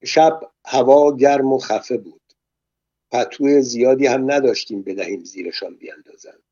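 A man narrating a story aloud in a calm, measured way. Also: mid-range voice, dry recording, dull audio.

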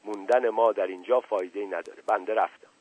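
A man's voice: lowish voice, fairly even intonation, slightly rough, no echo. A man voicing a stern, irritable family patriarch who speaks curtly, on a storybook radio reading. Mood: irritated. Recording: tinny phone-like old radio broadcast.

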